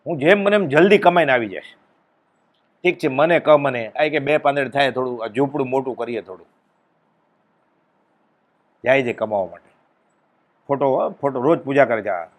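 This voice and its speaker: A man giving a devotional discourse, telling a story and acting out its dialogue with sudden loud exclamations. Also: medium pitch. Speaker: spiritual discourse speaker.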